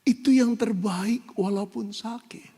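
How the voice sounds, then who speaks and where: A man's voice: sits high, measured pace, warm tone, husky. A man, a pastor, preaching a sermon, telling a story and building to fervent exhortation. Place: church hall. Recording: long church reverb.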